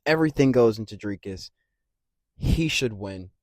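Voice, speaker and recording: A man hosting a casual fight-prediction rant, rambling and swearing freely, with big jumps in loudness. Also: fairly low pitch, lively intonation, moderate pace, no echo, studio quality. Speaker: MMA commentary channel host.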